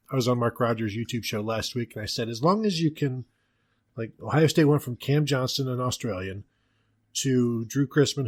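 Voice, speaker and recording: A man with an American accent hosting a casual sports podcast, joking and rambling through asides. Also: medium pitch. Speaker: podcast host.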